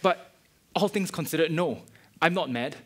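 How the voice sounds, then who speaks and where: A young man plays a wounded yet forgiving friend. His voice sits a little higher than most men's, and his speech is earnest and reflective, in the manner of a student stage play. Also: lively intonation, moderate pace, fairly bright tone.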